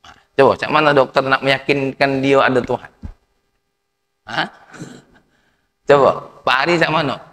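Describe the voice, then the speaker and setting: A man preaching a sermon, lively, rising loud to stress points and asking the audience questions. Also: mid-range voice, moderate pace, long pauses. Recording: long reverb of a hall.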